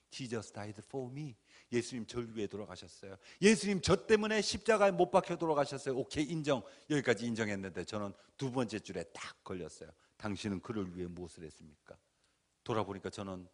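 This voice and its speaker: Emotional man preaching a dramatic testimony. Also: lowish voice. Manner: dramatic, swings from hushed to shouting; acts out his own pleas and cries. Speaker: guest speaker at a church revival. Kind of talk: testimony sermon. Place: church sanctuary.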